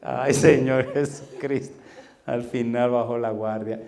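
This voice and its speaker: A middle-aged male pastor preaching a sermon, telling a story with lively acted-out dialogue and sound effects. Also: mid-range voice, unhurried, creaky. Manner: animated, acts out dialogue and makes sound effects.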